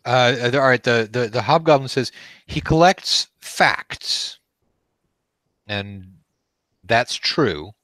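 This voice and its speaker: A man narrating a tabletop game as game master, haltingly, searching for his words as he improvises. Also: medium pitch, animated, fairly bright tone, dry recording. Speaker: game master, host of the live play.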